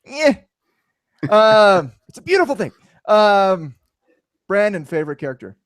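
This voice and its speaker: A man in his thirties co-hosting a casual movie-review podcast, rambling and animated, laughing often. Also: high-pitched, unhurried, no echo. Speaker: podcast co-host.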